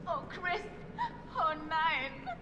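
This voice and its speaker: Very high, tearful young woman. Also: lively intonation, extremely slow, dull audio, heavily acted. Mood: pleading. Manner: pleading, trembling, emotional. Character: frightened, tearful young woman in horror game. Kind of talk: dramatic video game acting. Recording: loud music over the voice.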